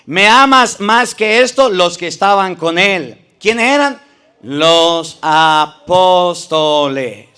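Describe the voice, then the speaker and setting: A man's voice: sits high, animated, takes it slowly, bright, forceful tone, clean tone. A priest in a debate, arguing emphatically with his opponents and repeating scripture phrases for stress. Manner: emphatic, addresses opponents directly. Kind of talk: preaching debate argument.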